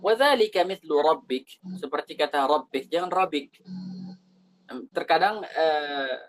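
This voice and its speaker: A man with an Indonesian accent teaching Quran recitation rules, reading Arabic lines and then explaining them slowly with many fillers. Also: on the high side, lively intonation, a little hiss or hum, low-quality recording. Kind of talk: tajwid lesson explaining an Arabic text.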